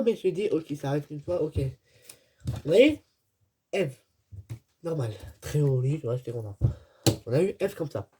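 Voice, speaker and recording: Woman vlogger unboxing stuff, kinda low voice, grumbly and chatty, lots of wrapper crinkle noise. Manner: chatty, exasperated grumbling with laughs. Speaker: vlogger opening an advent calendar. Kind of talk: casual unboxing chat. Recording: noisy with crinkling packaging. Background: clicks and crinkling wrappers.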